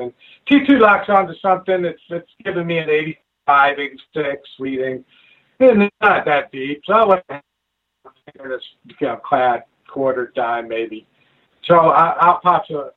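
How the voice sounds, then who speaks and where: Man on a breaking-up phone line. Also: fairly high pitch. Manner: halting, with repeated restarts. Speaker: caller. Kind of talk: casual storytelling. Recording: tinny, cutting-out phone line.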